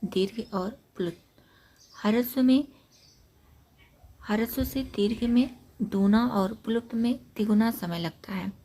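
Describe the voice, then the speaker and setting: A woman teaching an exam-prep grammar lesson, explaining point by point and repeating key facts, with trailing syllables that drop to a breathy near-whisper. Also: medium pitch, mellow. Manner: repetitive, explains points step by step.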